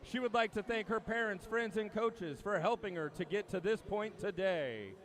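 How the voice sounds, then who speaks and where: A man announcing at a swim meet, introducing swimmers in a measured, emphatic way with the odd dry aside. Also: sits high, expressive, a bit bright. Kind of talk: public address announcement.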